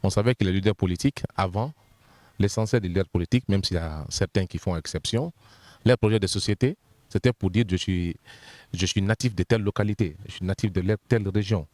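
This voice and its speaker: Speaking briskly in a low-pitched, slightly mellow voice with no echo, a man from the constitutional body gives an interview in a Guinean French accent. He works through his points methodically, one after another, now and then repeating words while he looks for the right one.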